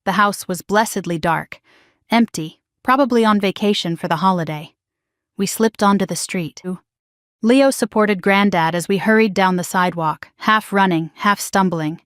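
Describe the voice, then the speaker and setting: A woman telling a first-person suspense story as scripted narration, steady and dramatic. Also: mid-range voice, normal speed, no room sound, studio quality.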